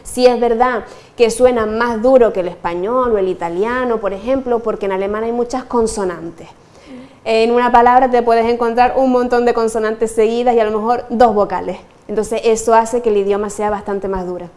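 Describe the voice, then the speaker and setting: Lively woman teacher. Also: on the high side, normal speed. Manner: lively, laughs often. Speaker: German teacher. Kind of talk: explanatory interview answers.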